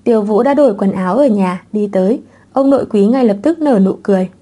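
Một người phụ nữ đọc truyện audiobook bằng giọng đều đều, không vội vàng. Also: female voice, mid-range voice, fairly quick, mellow. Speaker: narrator. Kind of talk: audiobook narration of a web novel.

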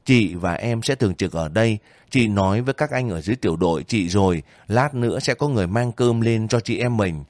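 A man voicing a calm, steady young woman soldier who speaks in a level, reassuring way, in an audiobook reading. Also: lowish voice, brisk, no echo, close to an everyday voice. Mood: matter-of-fact. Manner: level, reassuring, matter-of-fact.

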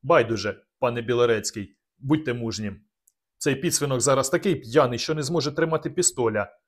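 A hot-tempered older country squire who booms his words bluntly, as a male audiobook reader puts him on. The voice sits at a middle pitch, gruff but caring toward his guest. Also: a little fast, lightly acted. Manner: booming, blunt.

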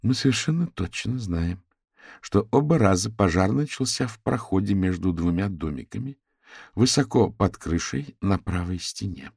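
A man voicing a retired woman amateur detective who speaks in a measured, patient way in an audiobook. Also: deep voice, lively intonation, creaky, darkish tone, breathy edge, no echo, studio quality, heavily acted.

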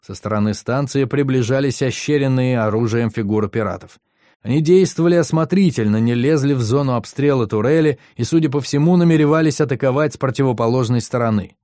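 Man narrating, steady and measured. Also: medium pitch, no echo, clean studio sound. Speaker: audiobook narrator. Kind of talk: scripted narration.

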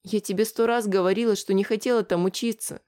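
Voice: medium pitch, fairly even intonation, fast, a little mellow, close to an everyday voice. The reader voicing a timid, upset young woman on the edge of tears in an audiobook. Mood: distressed.

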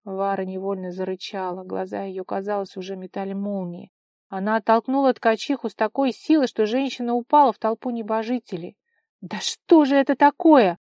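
A woman's voice: medium pitch, a little fast, no room sound. Woman narrating an audiobook. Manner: expressive, dramatic storytelling. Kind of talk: audiobook reading.

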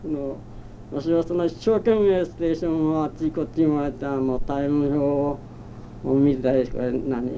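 An elderly man with a very dark, soft tone and a slightly high pitch reminisces in a halting, rambling way. His speech is rustic and old-fashioned. The recording is a dull, muffled old tape with faint noise behind him. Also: fairly even intonation. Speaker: oral history interviewee. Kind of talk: reminiscing in a personal narrative. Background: faint background noise.

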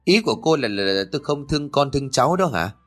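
A man voicing a harsh, nagging old grandmother who scolds rapidly, in an audio story. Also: medium pitch, big pitch swings, breathy edge, faint music behind. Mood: indignant.

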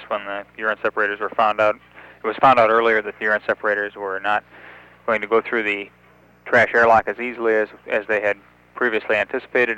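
A man giving live mission status commentary as a control announcer, procedural and sometimes halting. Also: lowish voice, sharp tone, clean tone. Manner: halting, procedural, reads out times. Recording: dull, band-limited radio-style announcement feed.

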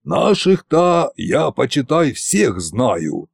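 A man voicing an eccentric, gloomy old tsar in an audiobook, speaking in a slow, musing way. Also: mid-range voice, very animated, creaky, husky, no echo, pitched above the performer's own voice, exaggerated voice.

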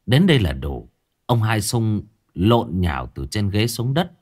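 A male storyteller narrates an audio story in an expressive way. His voice is low, with a lively, rising and falling tone. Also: a little slow.

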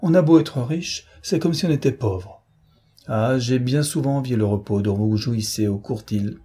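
A man reading a storybook, voicing a vain, languid young rich woman in an affected, weary, condescending manner with a husky voice. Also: medium pitch, normal speed, warm tone, lightly acted.

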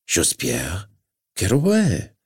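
Man doing a haughty duchess, sarcastic drawl, high put-on voice, husky. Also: very animated, measured pace, mellow, full character voice. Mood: affronted. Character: haughty, insolent aristocratic duchess, mocking. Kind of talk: audiobook character voice.

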